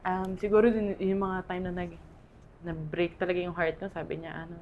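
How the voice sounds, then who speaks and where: A woman's voice: lowish voice, flat delivery, moderate pace, narrow, tinny audio, slight background noise. A Filipino woman in her thirties, candidly sharing a painful personal testimony and laughing often as she talks.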